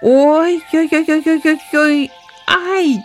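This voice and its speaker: A storyteller voicing a clumsy young fox cub who yelps and squeals in high cries. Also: sing-song, a little slow, a little mellow, soft background music. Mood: panicked.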